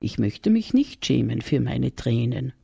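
A woman's voice: rumbling low, big pitch swings, a little slow, vocal fry, dark tone, breathy edge, dry recording, studio quality, exaggerated voice. A woman with an Austrian accent voicing a timid, tender-hearted little shepherd boy who talks in a dreamy, gushing way.

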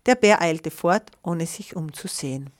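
A woman reading a children's picture book aloud in a lively way, pausing to describe the pictures. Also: fairly low pitch. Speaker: storyteller.

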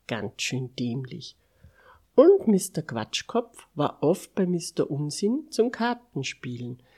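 Husky low-voiced woman reading a bedtime story. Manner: expressive, drops to a whisper for asides.

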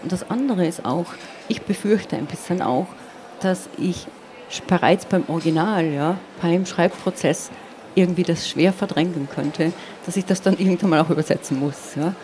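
Her voice is low with a darkish tone as she, a Slovenian-speaking poet from Carinthia in southern Austria, reflects and explains during an interview. She halts, searches for words, and frequently adds "ja," all over a noisy recording with obvious ambient sound.

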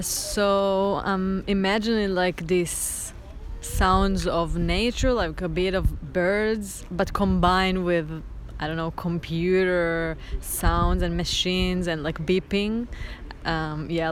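A woman at a festival muses aloud for a street interviewer, leaning on fillers as she thinks. Her voice is lowish and her pace unhurried. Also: steady tone. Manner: musing, with many fillers. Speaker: festival visitor. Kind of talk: vox pop answer.

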